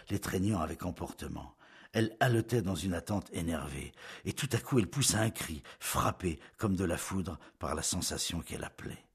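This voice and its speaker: A man narrates a literary novel aloud at an even, measured pace. His voice lies low in pitch and carries a strongly husky, breathy grain. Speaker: audiobook narrator.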